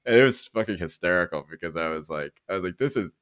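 A Korean-born, middle-aged podcast host talks fast with a low, animated voice that's clear, resonant and a bit bright. He chats casually about films, opinionated and fond of swearing, telling rambling stories as he goes.

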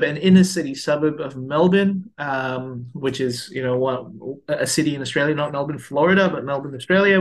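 A man in his thirties from Malaysia, a priest, telling his life story in an interview with many fillers and restarts. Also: medium pitch.

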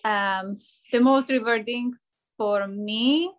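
A cheerful Slovak woman, a ballet dancer and personal trainer, answers casual interview questions in English as a guest. Her voice is slightly high and her pace slow, and she laughs often and drops articles.

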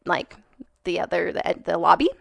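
Chatty young woman with a gravelly edge. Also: fairly low pitch, moderate pace, no room sound, studio quality. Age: 20s. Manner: chatty and animated, heavy on "like", swears casually. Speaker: podcast guest. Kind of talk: casual chat.

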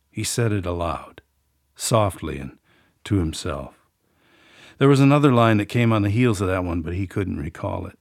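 A man's voice: on the low side, no echo, clean studio sound. A middle-aged man, an author and podcast host, reading from his own novel and then rambling in a folksy, self-deprecating way.

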